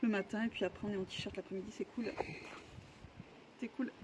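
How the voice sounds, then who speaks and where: A French woman in her 30s, interviewed as an expatriate for a vlog, chats casually and a bit hesitantly, repeating words for emphasis. Her mid-range voice moves fairly quickly with fairly even intonation. It's a noisy outdoor recording in a residential neighbourhood.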